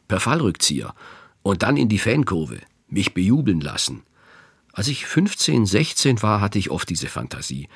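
A man's voice: sits low, a bit bright, breathy edge, dry recording, studio quality. A man in his fifties giving a reflective scripted radio narration as host. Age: 50s. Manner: reflective, measured.

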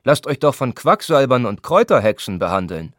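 A man voicing a brusque, impatient spa doctor who talks down to his patient in a gruff, scolding way. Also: mid-range voice, very animated, a little fast, a bit bright, no room sound, studio quality, voice pushed up.

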